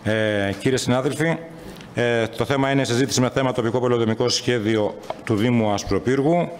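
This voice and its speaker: Man, council president, formal and courteous, mid-pitched voice, chairing a session. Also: slight background noise. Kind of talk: chairing a municipal council meeting.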